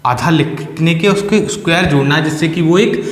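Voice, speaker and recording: A man's voice: a little high, fairly quick. A man teaching a maths lesson, patiently explaining step by step and slipping English terms into his talk. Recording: echoey room with long reverb.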